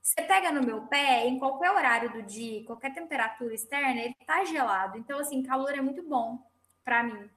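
A woman who works as a teacher, chatting casually and telling stories in an animated, dramatic way. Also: sits high, a little fast, echoey room. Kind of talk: casual chat.

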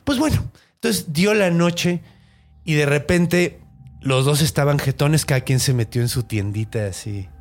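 A man with a Mexican accent telling a story on a podcast in a slangy, animated way, acting out the voices. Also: fairly high pitch, a little slow. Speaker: podcast host. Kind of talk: comic storytelling.

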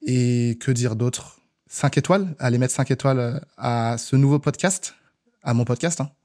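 French male host, mellow and laid-back, casual interview talk. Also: medium pitch, steady tone, normal speed. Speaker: podcast host.

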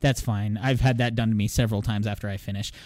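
A man hosting a casual podcast, teasing his co-hosts, laughing often and rambling quickly through the sign-off. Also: on the low side, fairly even intonation, a little mellow, no echo. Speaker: podcast host.

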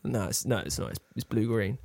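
A male podcast co-host with very animated intonation. He reads out bits and comments on them casually, teasing his mates bluntly and swearing freely. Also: lowish voice, fairly quick, creaky, no room sound, studio quality. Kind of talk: casual banter, reading out and commenting.

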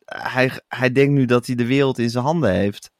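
Co-host, man, mid-pitched, dry close recording, short prompting lines. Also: moderate pace, no room sound. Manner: eggs on the other host with short replies and prompts. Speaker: podcast co-host. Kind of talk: casual chat.

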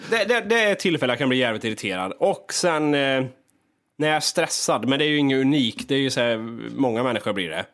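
A man's voice: mid-range voice, animated, a bit bright. A man in a casual podcast chat, talking animatedly and swearing freely while he acts out his own grumbling. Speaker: podcast co-host.

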